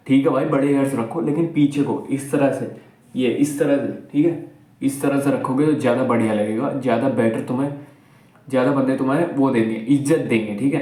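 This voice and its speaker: A man's voice: medium pitch, a little mellow. A young man giving casual advice to camera, blunt and scolding, checking in constantly with short questions. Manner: blunt, scolding, repeats "theek hai?" constantly. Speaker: self-improvement video host. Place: indoors, seated while filming. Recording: roomy, echoey room.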